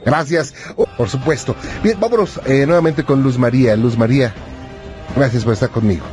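A man's voice: mid-range voice, brisk, darkish tone, faint music behind. A man hosting a radio call-in show, listening closely and answering with short acknowledgments. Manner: attentive, frequent short acknowledgments.

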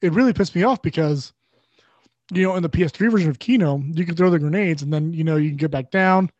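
A man's voice: a little high, fast talker, darkish tone, dry recording, dull audio. A young man in casual chat about video games, rambling loosely and swearing often.

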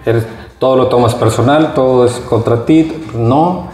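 A man co-hosting a casual talk show, calm and agreeable. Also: medium pitch, measured pace. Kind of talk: casual chat. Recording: echoey room.

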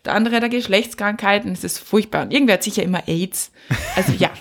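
Woman co-host, casual chat, giggly, rambling storyteller, mid pitch. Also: quick pace. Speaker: podcast co-host.

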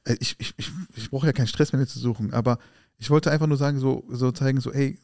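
A man talks fast and keeps acting out everyone's lines as he retells what happened. His voice is dark and mellow, and the recording is close and dry. It sounds like a casual podcast chat. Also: mid-range voice, creaky, no room sound. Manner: animated retelling that acts out quoted dialogue. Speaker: podcast co-host. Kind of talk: casual conversation and storytelling.

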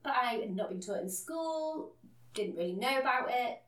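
A woman's voice: on the high side, animated, moderate pace, fairly bright tone. A woman co-hosting a podcast, telling a story in a casual, earnest way and laughing at herself now and then. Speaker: podcast co-host. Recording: roomy, a bit distant from the mic.

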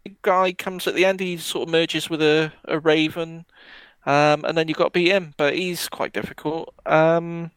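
Guy rambling about games on a podcast, slightly high voice, dry close sound. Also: steady tone, normal speed, fairly bright tone, clean tone, no room sound, low-quality recording. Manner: rambling, hesitant, many ums and restarts. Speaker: podcast co-host. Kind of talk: casual chat about video games.

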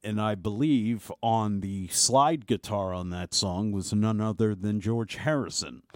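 A man working as a radio DJ, casually announcing songs in a halting, rambling way. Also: on the low side, dry recording, clean studio sound. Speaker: radio music DJ. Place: radio studio.

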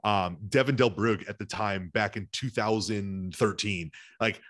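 A man's voice: fairly low pitch, measured pace, a bit bright, no echo. A man co-hosting a podcast, talking casually in a rambling, self-deprecating way. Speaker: podcast co-host.

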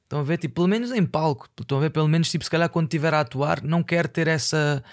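Fast-talking young Portuguese man, slightly high voice. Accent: European Portuguese. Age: young adult. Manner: rambling, slangy, confessional, peppered with English words. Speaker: podcast host and musician. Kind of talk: casual solo podcast chat.

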